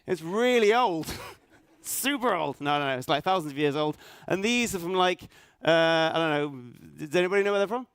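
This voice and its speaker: A middle-aged man, raised in Norway, speaking at a conference, halting and self-deprecating, full of restarts and fillers. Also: fairly high pitch, animated, a bit bright, clean tone, no echo. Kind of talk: hesitant conference talk. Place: conference hall stage.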